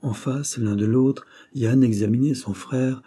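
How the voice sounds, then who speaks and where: A man reading a novel aloud in measured, literary narration. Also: medium pitch, warm tone, breathy edge. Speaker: audiobook reader.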